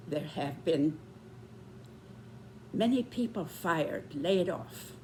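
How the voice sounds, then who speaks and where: Very old woman, slow and deliberate. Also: lowish voice, warm tone, a little hiss or hum, poor audio. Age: 90s. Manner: deliberate, measured phrasing with pauses. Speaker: vlogger giving commentary. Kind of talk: reflective spoken commentary on current events.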